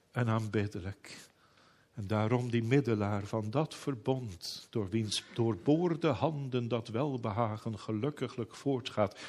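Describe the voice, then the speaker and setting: A man's voice: fairly low pitch, a little mellow, breathy edge. A man preaching a sermon in a solemn, old-fashioned biblical manner.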